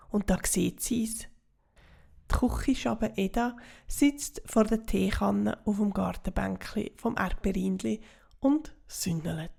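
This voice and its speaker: Slow gravelly Swiss German storyteller woman. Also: mid-range voice. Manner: soft, half-whispered narration. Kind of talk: children's story reading.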